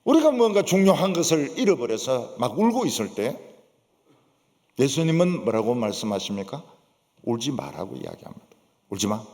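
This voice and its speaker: A man's voice: medium pitch, big pitch swings, moderate pace, a little mellow. A male pastor with a Gyeongsang accent preaching in a church, emphatic and full of rhetorical questions and affirming asides. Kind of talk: sermon. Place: church sanctuary. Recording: long church reverb.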